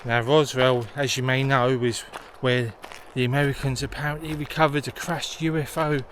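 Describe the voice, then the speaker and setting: A man hosts a vlog outdoors in a forest, explaining things as he goes in on-location narration, with noisy outdoor sound. His medium-pitched voice is level in tone, a bit bright, and at normal speed.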